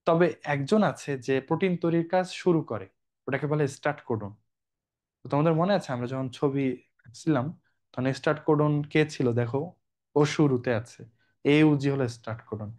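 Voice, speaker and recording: A young Bangladeshi man gives a biology exam-prep lecture in a chatty way, speaking directly to his students and checking in with them often. His voice is fairly high and a little mellow.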